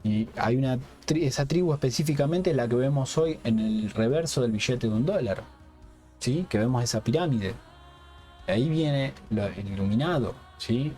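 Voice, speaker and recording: Faint music plays behind a man with a dark, medium-pitched voice speaking at a moderate pace. Teaching the Bible unscripted for a Hebrew-roots ministry, he adds a questioning "yes?" after almost every phrase and frequently restarts words.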